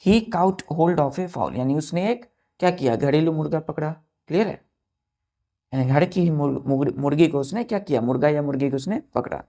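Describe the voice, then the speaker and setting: A woman's voice: low-pitched, fairly quick, mellow. A woman teaching a vocabulary class, spelling words letter by letter, asking the class questions and answering them herself.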